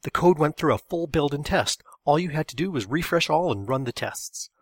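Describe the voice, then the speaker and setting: A man's voice: medium pitch, big pitch swings, a little fast, gravelly, fairly bright tone, breathy edge, dry recording, heavily acted. A man voicing an angry, meticulous male programmer who speaks indignantly and emphatically. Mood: furious.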